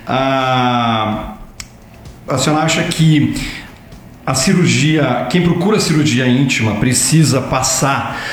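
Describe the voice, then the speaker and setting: A man's voice: mid-range voice, reverberant. A man hosting an interview, asking questions with hesitant fillers. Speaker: host.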